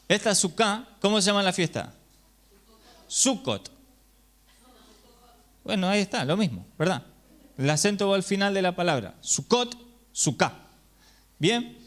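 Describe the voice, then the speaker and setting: High, smooth-voiced preacher. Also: male voice, fast, fairly bright tone. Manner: explanatory, checks in with listeners through frequent rhetorical questions. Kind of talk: sermon teaching. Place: congregation gathering.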